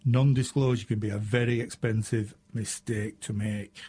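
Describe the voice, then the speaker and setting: A man's voice: fairly low pitch, fairly even intonation, moderate pace, mellow, husky. A man with a Northern English accent hosting a radio show, chatting casually and answering listener questions with plenty of ums and uhs. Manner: chatty, self-mocking, frequent ums and uhs.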